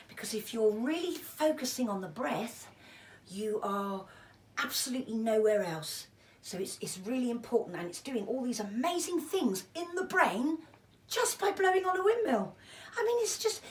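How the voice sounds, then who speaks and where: A woman giving an informal mindfulness lesson, chatting in an encouraging, self-deprecating way as she explains and demonstrates. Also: fairly high pitch. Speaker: mindfulness and breathing teacher. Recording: roomy echo, distant microphone.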